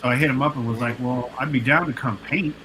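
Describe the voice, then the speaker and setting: A man in his late forties, a producer and artist, tells stories as a guest on a casual podcast interview, laid-back and rambling with lots of fillers and restarts. His voice is medium-pitched and his pace quick. The low-quality recording carries a little hiss or hum.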